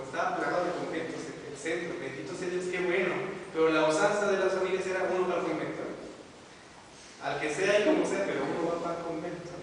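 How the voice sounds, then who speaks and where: A man teaching a class, telling stories and asking his listeners questions. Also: high-pitched. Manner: storytelling, asks the audience questions. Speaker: religious teacher. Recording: echoey hall, mic far off, hiss.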